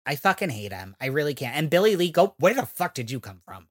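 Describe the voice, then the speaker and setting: Fast and breathy-edged, her low voice swings widely in pitch as this thirties-aged co-host tears into reality TV on a casual podcast. Swearing and performed quotes fill the recap.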